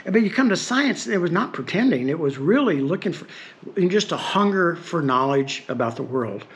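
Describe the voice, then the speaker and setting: A man's voice: fairly high pitch, sing-song, normal speed. A man, talking frankly in a personal monologue, wry and given to chuckling and digressing. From Northeast Tennessee. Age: 60s. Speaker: podcast host.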